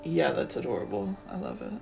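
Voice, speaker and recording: A low-voiced woman with wide pitch swings and a slightly quick, creaky delivery streams a cozy game as a let's play, with music behind her. She reads the on-screen text aloud and gushes with delight at each new discovery.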